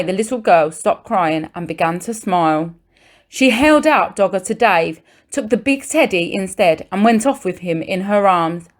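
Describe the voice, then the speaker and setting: Reading to young children like a primary school teacher, a woman brings a storybook to life with expressive delivery, deliberate pauses, and careful emphasis. Her pitch is medium.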